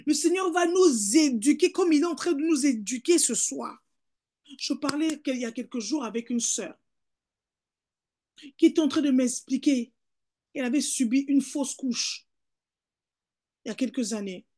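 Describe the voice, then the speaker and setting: Fervent high-voiced woman preaching. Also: normal speed, pauses often. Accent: French. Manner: fervent preaching with repeated hallelujahs and beloved; rises to emphatic calls, drops to soft asides. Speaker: pastor. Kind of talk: sermon.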